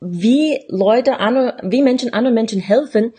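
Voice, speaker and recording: A middle-aged American woman, a native English speaker, telling personal stories in an interview in German with an American accent and halting, slightly unidiomatic phrasing. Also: fairly high pitch, mellow, breathy edge. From USA. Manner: halting non-native phrasing with grammatical slips. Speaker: interview guest, radio show host. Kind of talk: casual personal storytelling in an interview.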